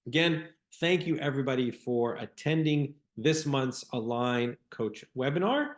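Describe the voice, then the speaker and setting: Man, webinar host, polished introduction, mid-pitched voice, video call. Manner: polished, welcoming. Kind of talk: formal introduction.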